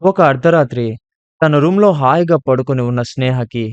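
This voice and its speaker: A man narrating a scripted horror story in a steady, measured way. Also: medium pitch, clear, resonant tone, dry recording, lo-fi sound.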